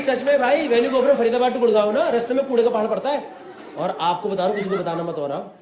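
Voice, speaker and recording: A young male comic from Delhi NCR with a strikingly high voice. He works through his stand-up set in an animated, chatty way and keeps talking straight to the audience. He is heard on stage in an echoey room, with a crowd noisy behind him. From Delhi NCR, India. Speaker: stand-up comedian. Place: comedy stage before a live audience. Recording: echoey live venue, crowd noise.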